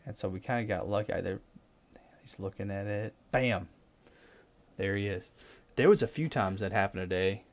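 A man casually commenting over his fishing footage, relaxed and rambling with excited bursts. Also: lowish voice, moderate pace. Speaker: fishing vlogger.

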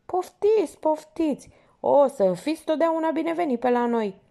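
A woman's voice: high-pitched, animated, gravelly, dark tone, voice pushed up. A woman voicing a fawning, gossipy older male theater porter in a novel she reads aloud. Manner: obsequious, gossipy, exclaiming.

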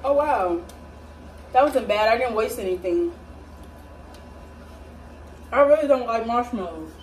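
A young American woman hosting a home cooking vlog speaks a little slowly in a slightly high, expressive voice with a darkish tone, chatting casually and playfully with viewers in slang. In her small indoor kitchen, a phone or camera propped at a distance records her, leaving a distant sound and noisy kitchen ambience.

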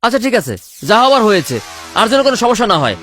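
Impatient, suspicious funeral host, high lively voice, fast, music behind. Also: male voice, exaggerated voice. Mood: exasperated. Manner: exasperated, bossy, suspicious. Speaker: nephew arranging an uncle's funeral.

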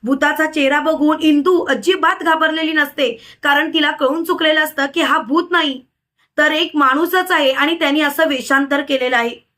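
A woman telling a village ghost story as a steady, expressive storyteller. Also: high voice, normal speed. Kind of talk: storytelling narration.

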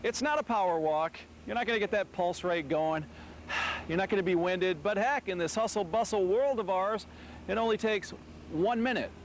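Wry, higher-voiced male TV reporter. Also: moderate pace, slight background noise. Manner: joking, wry, teasing. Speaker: TV news reporter. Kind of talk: light feature news report. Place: outdoors in a small park.

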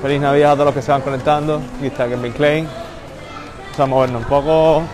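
A fast-talking man with a somewhat high, level voice hosts a livestream, touring a busy shopping mall on foot and saying hello to viewers by name. Captured on a handheld phone camera, the broadcast is swamped by loud mall sounds and crowd ambience.

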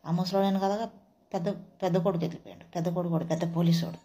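A house worker from Telugu-speaking India tells the story of a quarrel in a relaxed vlog, playing out what everyone said. She speaks at a racing clip in a fairly low, steady, warm voice.

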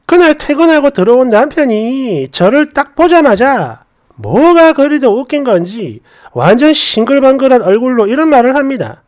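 A woman's voice: high voice, very animated, moderate pace, a little mellow. Woman reading out a family story, chatty, voice goes up and down a lot. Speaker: story narrator. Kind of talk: reading a first-person story aloud.

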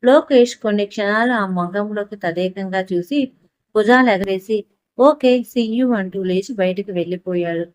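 A woman reads a story aloud with steady, even storytelling. Her pitch sits in the middle. The recording is dry and close-miked. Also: normal speed, no room sound. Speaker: audiobook narrator. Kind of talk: scripted story narration.

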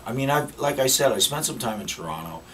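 A man in his fifties, born in the Netherlands, chatting as a musician guest in a rambling, animated way that repeats phrases. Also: mid-range voice, fast talker. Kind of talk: casual interview chat. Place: basement utility room. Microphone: camera mic from a few feet away. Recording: distant camera mic, faint room hiss.

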